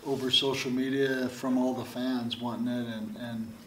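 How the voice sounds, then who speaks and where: Halting male fighter, echoey and distant. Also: medium pitch, little pitch movement, a bit bright. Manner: halting, with many fillers and repeated words. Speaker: fighter being interviewed. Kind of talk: casual interview answers. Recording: echoey and distant with faint noise.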